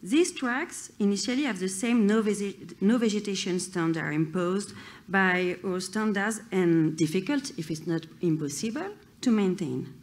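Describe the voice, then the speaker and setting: A woman's voice: medium pitch, a little slow, darkish tone. A woman with a French accent, reading a prepared conference talk with careful hesitations and restarts. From France. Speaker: conference speaker.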